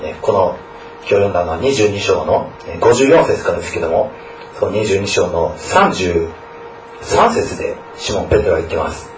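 This school chaplain's low voice has a sing-song quality and moves at normal speed, with a little hiss or hum in the audio. He earnestly prays, reads scripture and preaches to students, regularly adding a questioning tag to what he says. The recording comes from a distant mic in an echoey room.

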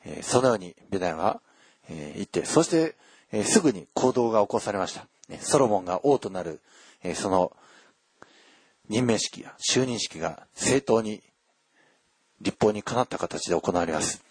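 A man preaching a sermon and reading scripture aloud, earnest and emphatic, with frequent filler pauses. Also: lowish voice, expressive, a little mellow, husky, dry recording. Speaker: pastor.

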